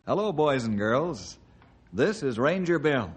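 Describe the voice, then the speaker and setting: Casting: friendly ranger host of a children's old radio drama, scripted storytelling, mid-pitched voice. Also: male voice, very animated, unhurried, breathy edge. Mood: friendly, chatty. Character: friendly forest ranger telling his adventures to children. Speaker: host and narrator.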